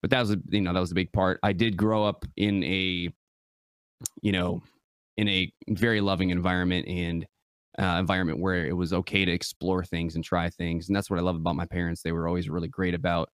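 A young man from West Michigan, a gaming preacher, talking in a relaxed, earnest way with lots of "you know" in a casual interview. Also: deep voice, a little fast, smooth, dry recording, clean studio sound. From West Michigan, USA.

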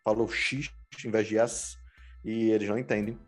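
A man's voice: fairly low pitch, normal speed. A man with a Carioca accent from Rio, chatting casually and telling stories with slang. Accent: Carioca Brazilian Portuguese. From Rio de Janeiro, Brazil. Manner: animated, slangy storytelling. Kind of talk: casual chat.

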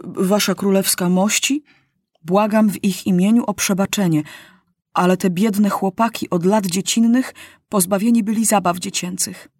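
A woman's voice: mid-range voice, steady tone, moderate pace, darkish tone, breathy edge, dry recording, studio quality. A woman voicing a humble, pleading male master of ceremonies at a royal court in a storybook reading. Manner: deferential, pleading.

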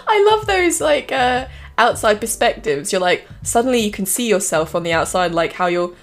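A woman's voice: on the high side, very animated, moderate pace, faint music behind. A woman co-hosting a podcast in casual chat, rambling with lots of fillers and frequent giggles. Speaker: podcast co-host.

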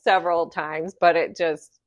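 A woman's voice: fairly low pitch, little pitch movement, a little slow, highs cut off. A young woman hosting her own podcast in casual chat, bubbly, blunt and teasing. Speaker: podcast host. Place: live-streamed podcast recording.

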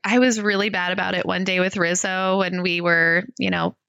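A woman co-hosting a podcast in casual chat, chatty and quick with asides, laughing often. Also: on the low side, level tone, creaky, sharp tone, smooth, dry recording, muffled recording. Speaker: podcast co-host.

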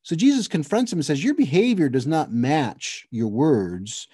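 Guy preaching a sermon, pitch swinging all over, mellow dark tone, talks right at you. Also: sing-song, breathy edge, dry recording, studio quality. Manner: emphatic, addresses the listeners directly; slows down to stress scripture phrases.

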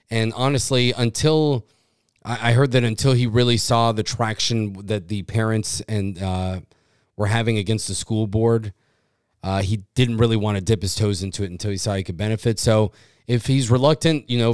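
Low, smooth-voiced man co-hosting a podcast. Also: dry recording, studio quality. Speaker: podcast co-host. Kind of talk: casual political chat.

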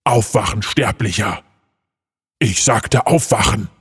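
A man voicing a commanding, cunning male sand demon with a deep, menacing voice and reverb on it. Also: slow, fairly bright tone, husky, exaggerated voice. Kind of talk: audiobook-style fantasy narration.

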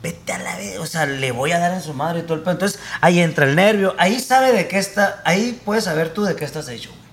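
A man's voice: sits high, quick pace. Slangy Mexican guy, rambling chat. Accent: Mexican Spanish. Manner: slangy, rambling, laughs often. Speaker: music video producer and director, guest. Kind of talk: casual podcast chat.

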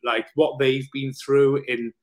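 A man's voice: medium pitch, level tone, takes it slowly. A man, a personal trainer and counsellor, speaking as a podcast guest and telling a personal story openly and emotionally, with casual swearing and many restarts. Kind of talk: candid conversational storytelling.

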